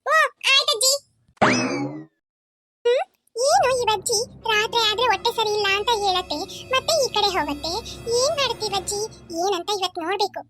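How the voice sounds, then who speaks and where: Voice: very high-pitched, lively intonation, normal speed. A performer voicing a curious young boy in a cartoon, muttering suspiciously to himself about his grandmother. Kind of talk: cartoon voice acting. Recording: music playing behind.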